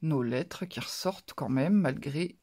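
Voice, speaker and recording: A woman's voice: sits low, a little slow, darkish tone, breathy edge. A woman narrating a card-making tutorial, describing each step as she works, with many little fillers and hesitations. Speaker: craft channel host.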